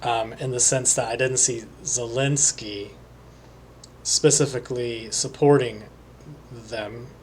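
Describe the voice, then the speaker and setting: A man talking alone as a psychic reader, slowly and hesitantly, with many pauses and fillers. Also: medium pitch, fairly even intonation, slight background noise. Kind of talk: solo monologue.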